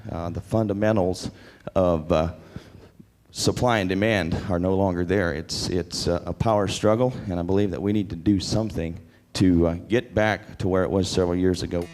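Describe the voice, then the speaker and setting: A man answers an interview question in a formal but unscripted way. His voice is fairly low and plainly spoken. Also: steady tone, moderate pace, darkish tone. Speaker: auctioneer contestant being interviewed.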